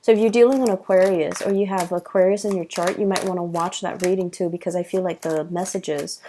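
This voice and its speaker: A woman giving a tarot reading late at night, tired and halting, with many fillers and restarts. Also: fairly low pitch, steady tone, dark tone, a little hiss or hum. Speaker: tarot reader.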